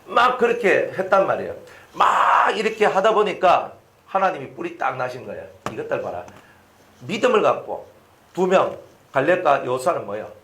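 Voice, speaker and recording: A man's voice: on the high side, moderate pace, echoey room, slight background noise. A man preaching a sermon, asking his listeners questions and acting out the lines of the people in his story. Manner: animated, asks the congregation questions and acts out quoted lines. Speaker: pastor.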